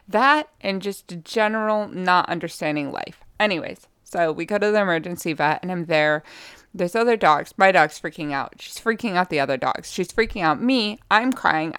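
A woman's voice: lowish voice, a bit bright, clean tone, no room sound, studio quality. A young woman hosting her own podcast from home, talking frankly and profanely in a rambling way, with lots of fillers. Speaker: podcast host. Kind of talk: candid solo podcast monologue. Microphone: podcast microphone.

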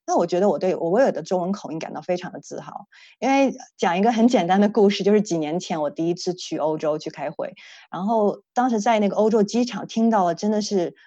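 A woman's voice: mid-range voice, animated, fast, warm tone, no room sound. A woman speech therapist, a native Chinese speaker, giving an earnest, explanatory online lecture with frequent hesitations. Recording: dull, dry lo-fi sound.

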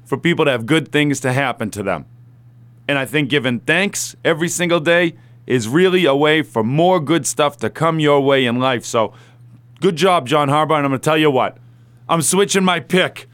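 A man with a somewhat higher-than-average voice works as a sports radio talk show host. He speaks conversationally and offers his opinions straight to the listener, as if chatting one to one. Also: fairly bright tone. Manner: conversational, opinionated, addresses listeners and athletes directly.

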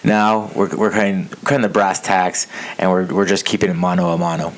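A man's voice: low-pitched, fairly even intonation, moderate pace. A man in his thirties chatting casually as the host of a podcast. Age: 30s. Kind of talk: casual chat.

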